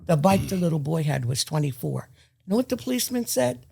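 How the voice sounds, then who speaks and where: A woman guest and former bar owner telling stories in casual talk, emphatic and animated. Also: deep voice, fast talker, gravelly, breathy edge. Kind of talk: casual storytelling.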